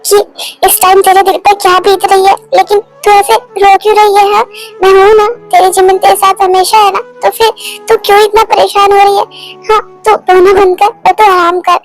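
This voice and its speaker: A high-voiced performer dubbing a loyal young woman who coaxes and soothes a crying friend in a melodrama. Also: little pitch movement, normal speed, over loud music, rough recording. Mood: soothing. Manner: soothing, coaxing, affectionate. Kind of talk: fan dub of a melodrama.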